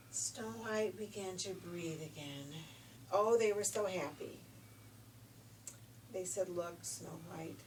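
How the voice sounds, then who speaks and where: An older woman, a grandmother, tells a fairy tale in a folksy, emphatic, conversational way. Her voice is medium-pitched and a little mellow, recorded on a distant mic with faint background noise.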